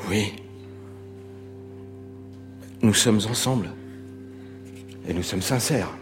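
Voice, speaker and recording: An actor playing a quiet, sincere man calmly recounting a night, in a stage play. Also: lowish voice, long reverb tail, over music. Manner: measured, even storytelling.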